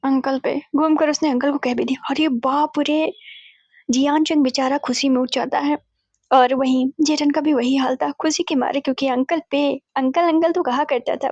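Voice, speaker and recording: A woman's voice: high voice, darkish tone, no room sound, lo-fi sound. A woman casually retelling a fanfiction story, chatty and mixing in English words as she voices the characters' lines. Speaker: fanfiction narrator.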